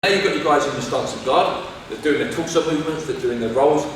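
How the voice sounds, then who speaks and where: A young male boxing coach talks through drills and counts moves as he demonstrates them. His voice sits a little high and comes from a distance. A long, roomy hall echo hangs on every word. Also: quick pace, a little hiss or hum. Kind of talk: instructional coaching demo.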